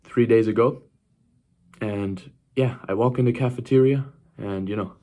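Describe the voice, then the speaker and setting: In a mellow, mid-range voice at normal speed, a nineteen-year-old self-improvement vlogger speaks casually to camera. His motivational talk is emphatic and repetitive, and he often checks in with whoever is listening.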